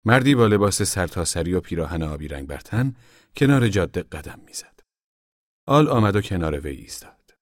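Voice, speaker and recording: A man narrates a novel in a calm, steady reading voice. His voice sits low, and the recording is dry with no room sound. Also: no echo. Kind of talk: audiobook narration.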